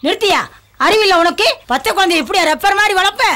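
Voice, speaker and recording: An actress playing an older grandmother who loudly and sharply scolds the people around her. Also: very high-pitched, fast, heavy background noise. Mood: scolding. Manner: loud, scolding, sharp-tongued. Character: fierce scolding village grandmother. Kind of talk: film drama dialogue.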